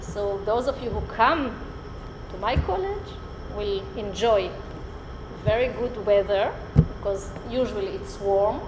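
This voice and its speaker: Slow-paced and mid-range, this voice belongs to a middle-aged Hebrew-speaking woman from Israel lecturing in English at a college without preparation. She's animated, gestures a lot and says "uh" often, filmed from afar in a roomy, noisy lecture hall.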